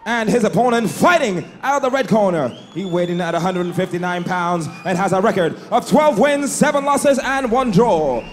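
A man in his thirties announcing fighters as a boxing ring announcer, booming and theatrical, drawing out the names over an arena PA. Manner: booming, theatrical, drawn-out name calls. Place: large indoor fight arena, in the cage. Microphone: handheld microphone over arena PA. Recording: echoey arena PA, crowd and music.

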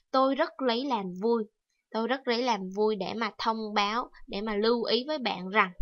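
Woman teacher, fairly high voice, slow explaining lesson, repeats key words, dry close sound. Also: fairly bright tone, no room sound, highs cut off. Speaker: English teacher. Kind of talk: TOEIC reading lesson.

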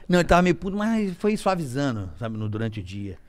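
A man from Rio de Janeiro, a comedian guest, telling stories on a podcast in a casual way and acting out quotes with sudden loud shouts. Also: a little high, very animated, fast. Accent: Brazilian Portuguese, Rio de Janeiro. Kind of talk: casual storytelling.

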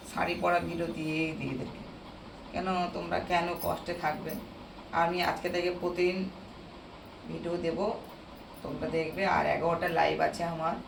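Female home vlogger, hoarse and gravelly, chatty delivery, recorded off-mic in an echoey, noisy room. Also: sits low. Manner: chatty, addresses viewers directly. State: hoarse, strained voice from a sore throat. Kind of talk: casual chat to viewers. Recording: roomy echo, distant mic, noisy background.

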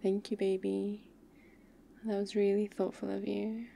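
Slow, intimate ASMR role-play girlfriend, acted by a woman. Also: mid-range voice, completely flat delivery, gravelly, slight background noise. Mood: affectionate. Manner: intimate soft voice dropping into speaks softly, slow and tender. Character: affectionate, playfully pouty young girlfriend, clingy and teasing.

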